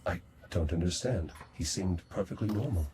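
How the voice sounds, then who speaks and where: A man's voice: sits low, expressive, normal speed, music in the background. A man playing an earnest, dutiful space-crew helper in a video game, polite and plain-spoken. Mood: earnest, curious.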